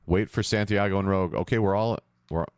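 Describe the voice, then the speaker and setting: A man casually narrating his video game play to himself, rambling, swearing and getting loud during fights. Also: deep voice, fairly even intonation, brisk, clean tone, dry recording, studio quality. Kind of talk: casual let's-play commentary. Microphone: headphones on, close podcast mic.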